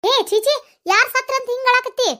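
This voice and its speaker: A woman voicing a whining, greedy younger sister who wails her complaints in a drawn-out sing-song, with a North Karnataka accent. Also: very high-pitched. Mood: wailing. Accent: North Karnataka Kannada.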